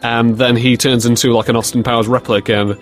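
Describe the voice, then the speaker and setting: A man's voice: medium pitch, little pitch movement, fast, faint music behind. A young British man answering fan questions in a casual, jokey chat, rambling with plenty of fillers and restarts. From Britain. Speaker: co-host of a fan series Q&A.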